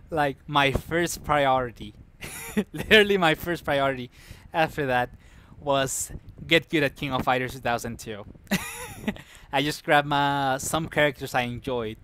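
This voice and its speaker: A man at mid pitch spins a loose, rambling story on stream, chuckling between sentences. He restarts and fixes his words as he talks and answers chat along the way. A faint noise hums behind him. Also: unhurried, fairly bright tone. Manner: chatty, laughs often, restarts and corrects himself.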